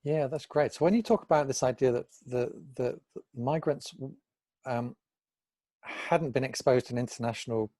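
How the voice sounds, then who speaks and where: A man's voice: medium pitch, dark tone, dry recording. A man hosting an interview, asking long, thoughtful questions that rephrase what his guest has said. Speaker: interviewer, host.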